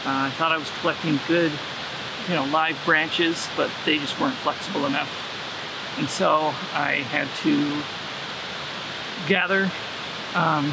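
A man talks casually to a camera in a snowy forest, pausing with plenty of fillers as he works. His voice is gravelly, and he sounds a little distant from the mic. A loud hiss of a nearby stream runs under everything. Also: a little high. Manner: relaxed, rambling with fillers. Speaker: hiking vlogger. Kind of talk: casual outdoor vlog narration. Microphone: camera on tripod at a distance.

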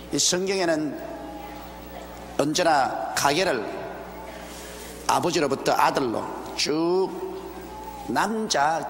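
Older male preacher at a pulpit mic, measured delivery with rhetorical questions, long church reverb. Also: fairly high pitch. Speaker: pastor. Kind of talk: expository sermon. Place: large church sanctuary, behind a wooden pulpit. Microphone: pulpit microphone. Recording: roomy, echoey hall with faint ambience, older broadcast video.

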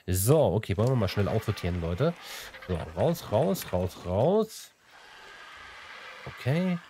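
A man commenting on his own gameplay, chatty and playful, talking to the creatures on screen and to his viewers. His pitch leaps up and down with animated expression. A faint noise sits under the voice. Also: measured pace. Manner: chatty, talks to the animals and viewers, playful sing-song bits. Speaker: let's play host.

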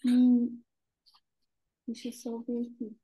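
A woman's voice: a little high, monotone, slow, dark tone. A woman with a Brazilian Portuguese accent hosting a casual interview, asking questions hesitantly with restarts and short replies. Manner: hesitant, restarts, brief backchannels. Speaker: interviewer and channel host.

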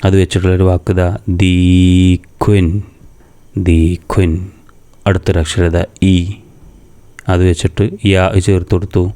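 In a deep, smooth, mellow monotone, a Kerala madrasa teacher guides a reading lesson step by step. He patiently questions and then answers himself, drawing out each sound slowly and saying it again.

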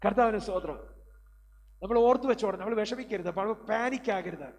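A man's voice: high-pitched, brisk, a little mellow. A middle-aged male preacher delivering a sermon, filling his speech with amens and words of praise. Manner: preaching with frequent amen and praise interjections. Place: community hall. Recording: hall reverb, faint hum.

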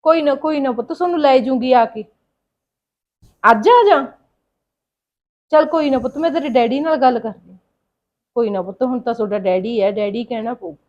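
A woman's voice: high-pitched, moderate pace, long pauses, darkish tone, natural voice. A woman playing a worried young mother who talks in a coaxing, pleading way. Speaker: mother in a family skit. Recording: dull lo-fi recording.

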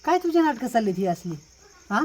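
A man's voice: very high voice, sing-song, fast talker, darkish tone, exaggerated voice, low-quality recording. A man playing an angry accusing husband. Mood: scolding. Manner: scolding, accusing, keeps prodding with "हं?". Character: suspicious angry young husband. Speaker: husband confronting his wife.

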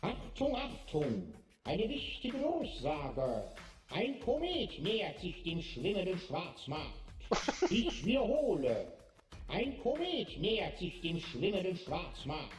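An actress voicing a deadpan public loudspeaker announcement in a game, with formal, measured delivery. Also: female voice, on the low side, soft background music, full character voice. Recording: echoey loudspeaker from far off.

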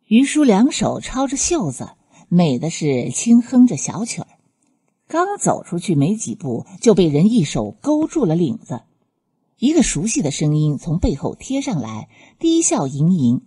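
A woman reading a serialized novel aloud as an audiobook narrator, with expressive storytelling. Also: on the low side, moderate pace, breathy edge. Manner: expressive storytelling, voicing each character.

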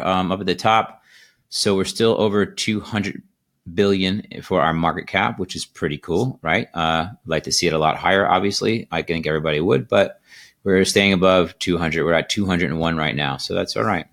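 A middle-aged man with a very low voice hosts an easygoing video from his desk. He rambles loosely, pausing often on "uh" and "um." The sound comes through a plain computer microphone. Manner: relaxed, rambling, filler-heavy. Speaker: crypto video host. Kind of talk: casual market commentary. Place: indoors at a desk.

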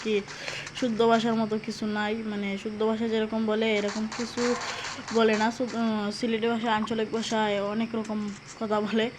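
A young woman with a Sylheti Bengali accent giving chatty, excitable commentary on a mobile game, talking straight to her viewers. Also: a little high, normal speed, background noise. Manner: chatty, excitable, addresses viewers, frequent exclamations. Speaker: gaming YouTuber.

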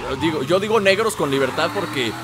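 A man's voice: a little high, animated, a little fast, very noisy. A man with a Mexican accent, chatting through a let's play and talking back to the game as he plays. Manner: chatty, talks back to the game, explains asides at length. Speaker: gamer. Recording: loud game sounds under the voice.

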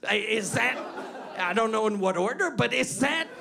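A man's voice: high voice, animated, moderate pace, creaky. A man doing a stand-up comedy set with a Quebec French accent, crude and rambling, often laughing at his own jokes. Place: comedy stage before a live audience. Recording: live club recording with audience crowd and noise.

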